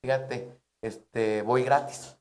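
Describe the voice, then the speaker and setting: A man with a Mexican Spanish accent hosting a casual bar chat, telling jokes with loud put-on voices and laughter. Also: mid-range voice, fairly even intonation, slow, background noise. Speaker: host of a bar talk show.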